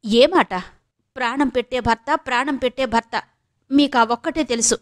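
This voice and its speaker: A raw, defensive young wife in a spoken audio novel, her voice pitched up and pressed with emotion. She flares quickly and carries her grief into every line, as the woman reading acts her out. The tone stays higher than plain narration. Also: natural voice. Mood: heated. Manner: emotional, raised dialogue voice.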